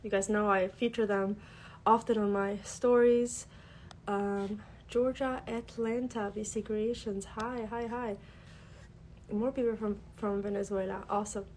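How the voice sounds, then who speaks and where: She speaks in the mid range with a steady, slightly mellow tone and a somewhat slow pace, over poor audio with a little hiss or hum. A craft tutorial host whose first language is Albanian, she has a cold and sounds stuffed up while greeting viewers chattily, with many fillers, on a casual livestream from her desk.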